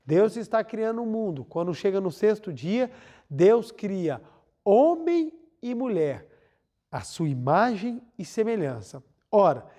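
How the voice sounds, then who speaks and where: A man's voice: sits high, dark tone. A man with a Brazilian Portuguese accent giving an earnest religious lecture at a whiteboard, asking rhetorical questions and drawing out words for emphasis.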